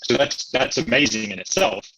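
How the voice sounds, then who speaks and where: A man's voice: medium pitch, animated, normal speed, gravelly, pushed and bright, breathy edge, no echo, low-quality recording. A man giving a technical lecture over a video call, hesitant, with many fillers and restarts. His call audio is staticky. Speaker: invited speaker. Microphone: video call computer mic.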